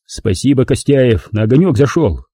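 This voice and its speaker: A man's voice: medium pitch, animated, moderate pace, warm tone, husky, no room sound, clean studio sound. A man voicing a jovial, stout army captain who greets people in a hearty, patronizing way.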